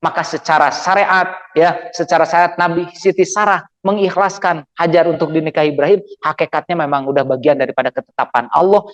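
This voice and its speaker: A man preaching with a Sundanese accent, playful and animated, acting out angry quarrels for his audience. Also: a little high, brisk, hardly any pauses, highs cut off. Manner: playful, acts out quarrels with shouts and jokes. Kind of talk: lively sermon to women. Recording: reverberant hall.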